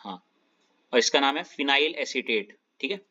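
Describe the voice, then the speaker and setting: एक आदमी, जो रसायन विज्ञान का शिक्षक है, ऑनलाइन क्लास में कदम दर कदम समझाता है और बार-बार छात्रों से पूछता है कि समझ आया या नहीं।. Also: male voice, medium pitch, normal speed, sharp tone, highs cut off. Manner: explains step by step, checks students often. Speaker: chemistry teacher. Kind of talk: online class lecture.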